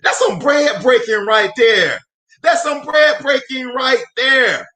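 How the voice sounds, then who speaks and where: Shouting in an extremely high, pushed, bright voice at a slow pace, a man in his forties delivers a fervent live motivational talk. This speaker and host preaches in cadence, hammering phrases through repetition and calling out to his viewers.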